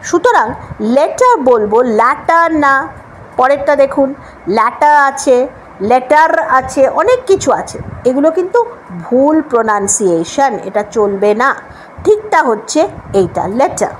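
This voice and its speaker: Woman, Bengali accent, high voice, patient classroom pronunciation teacher who spells words out and drills them, faint room hiss. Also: very animated, moderate pace, low-quality recording. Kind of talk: classroom lesson at a board. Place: classroom with a board.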